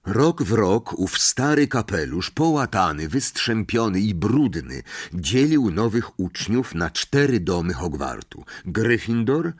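A man narrating an audiobook in an expressive storytelling style. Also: lowish voice, breathy edge, no room sound, studio quality. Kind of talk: scripted narration.

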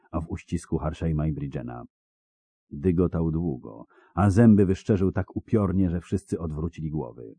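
A man reading a fantasy novel as an audiobook narrator, in a steady, dramatic delivery. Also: low voice, no room sound.

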